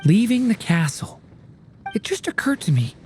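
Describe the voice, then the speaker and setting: A woman voicing a gentle, earnest young boy in a video game, soft-spoken, hesitant and sincere. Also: fairly high pitch, big pitch swings, moderate pace, a little hiss or hum. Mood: thoughtful.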